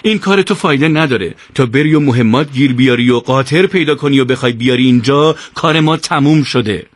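A man voicing a blunt, steady male soldier who speaks plainly. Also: medium pitch, no echo, lightly acted. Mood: grim.

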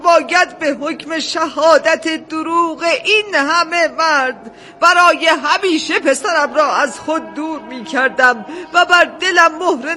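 A high, bright, impassioned mother. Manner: impassioned, swings between shouting and weeping. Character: distraught mother reclaiming her lost son. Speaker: Salima, a woman in a dispute. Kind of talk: radio drama acting.

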